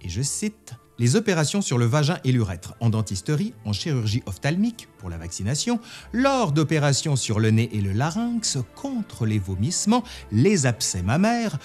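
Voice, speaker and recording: Male history narrator, animated delivery, faint music under, scripted read. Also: medium pitch, normal speed, slightly rough. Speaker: history video host.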